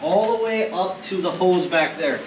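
A man's voice: high-pitched, moderate pace. Young man chatting in a noisy garage. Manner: relaxed, joking, talks while working on the car. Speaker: co-host of a car repair channel. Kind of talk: casual garage chat. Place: home garage with open door. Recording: noisy garage with tool clatter.

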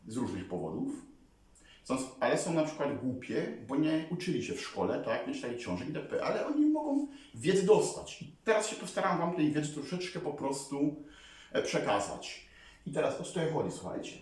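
Animated man in a very echoey room. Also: medium pitch, moderate pace. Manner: animated, rambling, keeps calling on viewers. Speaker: vlogger. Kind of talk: casual talk to camera. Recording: very echoey room, mic far away.

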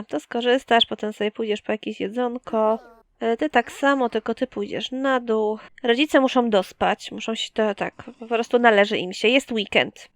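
A woman's voice: on the high side, no room sound. A young woman chatting casually as she plays a life-sim game, teasing the characters and talking to them directly. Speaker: gaming YouTuber. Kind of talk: casual let's play commentary.

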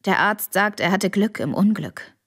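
A woman's voice: medium pitch, measured pace, breathy edge. Audiobook: woman voicing a shaken middle-aged father, hesitant, worried. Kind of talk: audiobook reading.

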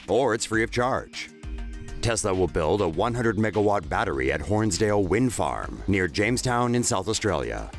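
A man narrating a scripted news report in a measured, informative voice-over. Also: on the low side.

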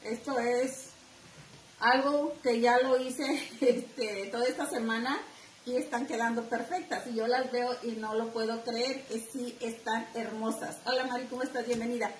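A middle-aged woman with a northern Mexican accent leads a live craft class from her home, chatty and talking straight to her viewers. Her voice sits high and her pace is unhurried. The room is echoey, with a faint hiss underneath. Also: fairly even intonation, distant mic. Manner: chatty, addresses viewers directly. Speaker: craft teacher.

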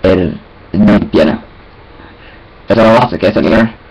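In a small, cluttered room, a young adult man mumbles to his webcam in disjointed, rambling phrases with sing-song filler sounds. His fairly low voice is a little slow, with vocal fry and a slightly mellow, breathy quality. The sound is lo-fi, with soft music in the background.

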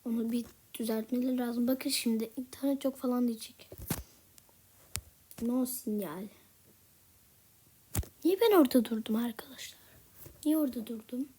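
Husky, half-whispering gamer woman. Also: fairly high pitch, normal speed, long pauses. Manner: soft, half-whispered chatter to viewers. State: a little sick, voice slightly rough. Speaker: gaming channel host. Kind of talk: casual gameplay commentary.

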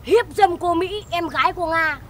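A woman's voice: extremely high pitch, moderate pace, bright, forceful tone. An actress playing a gossipy village newspaper seller hawking her papers. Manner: hawking, sing-song. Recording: outdoors from far off, street noise.

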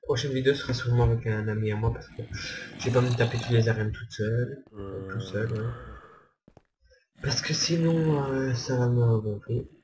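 A man's voice: medium pitch, normal speed, background noise. A young man giving rambling, hesitant commentary while playing a game, repeating himself often. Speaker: gamer. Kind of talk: casual gameplay commentary.

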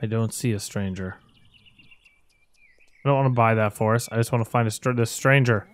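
A man's voice: mid-range voice, fairly quick. A man hosting a gaming video with casual, jokey commentary, thinking aloud and poking fun at himself.

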